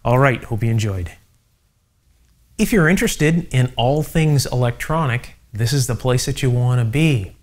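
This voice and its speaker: A man's voice: mid-range voice, lively intonation, moderate pace. A middle-aged man hosting an electronics channel, thinking aloud with many fillers as he demonstrates an old device in a home workshop. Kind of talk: casual workbench demonstration.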